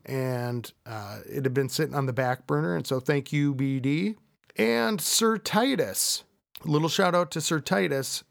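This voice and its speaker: Male podcast host, casual and rambling, mid-pitch, dry close mic. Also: dry recording. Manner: rambling, many fillers and restarts.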